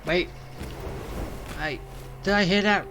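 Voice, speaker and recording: A gameplay streamer casually and playfully comments as she plays, thinking aloud and reacting to the dialogue. Her voice is fairly low and slow, with game music and a noisy background behind her.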